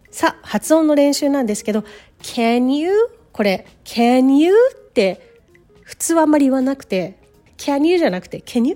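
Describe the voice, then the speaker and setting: A woman teaching a bilingual English lesson, upbeat and encouraging, modeling English phrases slowly for learners. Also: on the high side, mellow.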